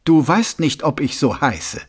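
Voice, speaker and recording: A man's voice: fairly high pitch, animated, a little slow, slightly rough, voice pushed up. A man voicing a suspicious, zealous young revolutionary in an audiobook. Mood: insistent. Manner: suspicious, insistent.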